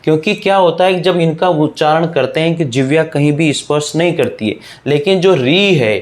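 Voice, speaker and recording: A man's voice: a little high, moderate pace. A man teaching an online grammar lesson, explaining step by step, asking questions and answering them himself, repeating the key points and addressing his viewers as friends.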